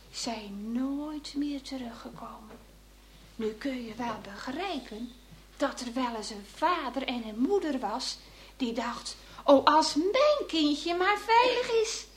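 A gentle, pious father in a children's storybook, talking softly and calmly to his daughter, as a woman reading aloud puts him on. The voice stays high and is slow and unhurried. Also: a little hiss or hum, exaggerated voice. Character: gentle pious middle-aged father, tender.

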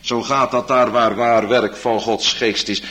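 A man preaching a sermon in solemn, old-fashioned church language, growing loud and impassioned at times. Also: mid-range voice, fairly even intonation, measured pace. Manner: impassioned, rising to loud emphatic stretches.

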